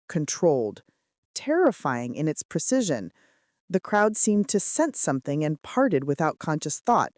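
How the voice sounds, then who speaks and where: Low and darkish in tone, a woman narrates a first-person romance audiobook from a script, building drama and suspense. The recording is dry and studio grade.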